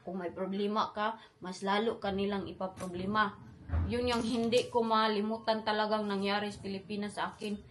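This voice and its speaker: A young Filipina woman from the Philippines vlogs an emotional travel story, retelling it with quoted voices and slipping English phrases into her speech. Her mid-range voice is delivered flatly at a moderate pace, with slight background noise.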